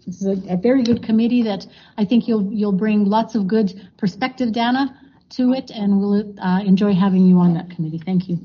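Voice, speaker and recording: A woman with a brisk, husky, medium-pitched voice chairs a formal board meeting, working through motions procedurally with many fillers and frequent thank-yous. The lo-fi recording sounds dull.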